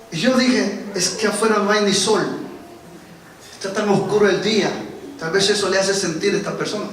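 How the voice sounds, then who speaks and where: A high-pitched man preaches a sermon, pressing his points with repeated words. He sounds distant from the mic, his voice ringing through a very echoey church hall with faint room noise. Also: fairly bright tone. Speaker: pastor.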